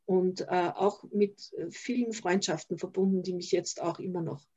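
In a lowish, mellow, husky voice with fairly even intonation, an older Austrian woman speaks at a moderate pace. She is a social worker interviewed as a guest over a video call, musing hesitantly and restarting often. The recording has slightly dull call quality.

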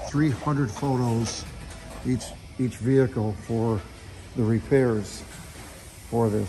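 A man with a warm, mid-range voice gives a chatty, filler-heavy tour of his auto body shop. He's the owner, filming on a handheld phone camera, and there's slight background noise.

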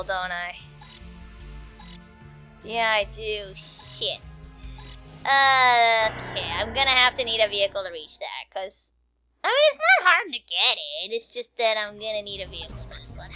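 A woman with a mid-range, bright, forceful voice hosts a let's play. She chats to herself in a rambling, giggly way through casual gameplay commentary, a bit blocked up from allergies.

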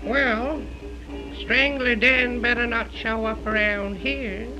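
A drawling small-town sheriff in an early talkie film. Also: male voice, extremely high pitch, steady tone, takes it slowly, music in the background, exaggerated voice, low-quality recording. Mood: smug. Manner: folksy drawl. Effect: early talkie film sound.

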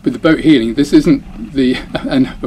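Over his race footage, a dinghy sailor narrates in a medium-pitched, dark voice at a measured pace, with a little hiss or hum in the background. He's conversational and pokes fun at himself, often dropping phrases halfway.

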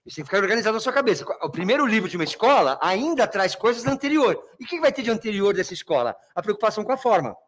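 A man's voice: high-pitched, sing-song, racing, hardly any pauses, a bit bright. A Brazilian man teaching a literature review class, often checking that students follow and calling them by fond names. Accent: Brazilian Portuguese. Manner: keeps checking understanding, addresses students fondly. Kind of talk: exam review lecture.

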